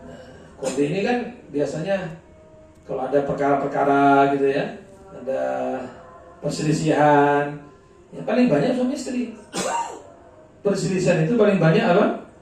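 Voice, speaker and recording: Lively East Javanese man teaching in an echoey hall. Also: on the high side, normal speed, long pauses, faint music behind. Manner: chatty, mixes in regional phrases, acts out quarrels. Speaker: religious teacher. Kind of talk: informal religious lesson with humor. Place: gathering hall. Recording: echoey room, distant mic.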